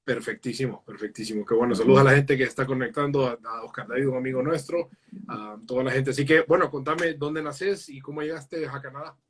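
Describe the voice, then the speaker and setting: A man's voice: mid-range voice, a little fast, breathy edge. Chatty, upbeat male live-stream host. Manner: upbeat, chatty, fond of hearty slang. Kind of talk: live online interview. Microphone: new studio microphone.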